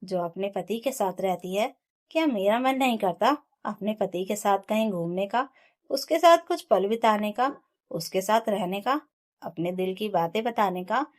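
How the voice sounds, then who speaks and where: Female narrator doing a wounded young wife, impassioned storybook protest, everyday pitch. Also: animated, unhurried, close to an everyday voice. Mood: indignant. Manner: emotional, rising to impassioned protest. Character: young wife, hurt and pleading for her rights.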